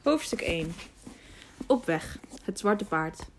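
Woman narrator for an audiobook, calm and measured. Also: medium pitch, background noise. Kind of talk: scripted narration.

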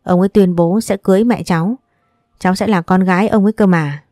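A woman voicing a kind, motherly nurse who chats gently. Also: mid-range voice, brisk, no room sound, clean studio sound, natural voice. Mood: kindly.

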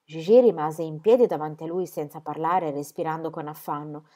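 Woman, narrator, lower voice, calm, measured reading. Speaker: reader. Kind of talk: scripted narration.

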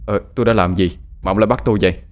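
Young farm guy, earnest and hot-headed, man doing him, fairly low voice, faint music. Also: racing, lightly acted. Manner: earnest, pleading, then raging. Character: young poor farmer, proud and hot-headed.

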